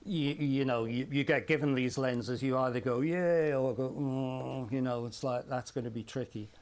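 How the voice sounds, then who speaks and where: A man's voice: medium pitch, steady tone, normal speed. A male camera operator chatting on a live panel. His speech is loose and casual, padded with "you know". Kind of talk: panel discussion.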